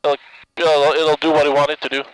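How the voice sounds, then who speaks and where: A man's voice: a little high, level tone, a little fast, clear, resonant tone, dry recording, low-quality recording. A man piloting a small plane, chatting casually over a cockpit intercom. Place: small aircraft cockpit in flight. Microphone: aviation headset.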